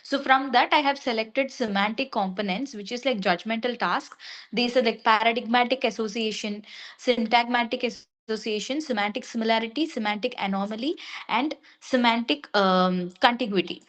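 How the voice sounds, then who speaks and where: A woman giving an academic presentation online as a student presenter, with a halting delivery that often leans on "like". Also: a little high, fairly bright tone.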